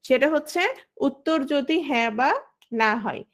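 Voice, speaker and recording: At a normal speed, a female teacher likely in her thirties leads an online exam-prep class with a high, bright voice. She breaks rules down step by step, tosses out questions only to answer them herself, and names individual students as she goes.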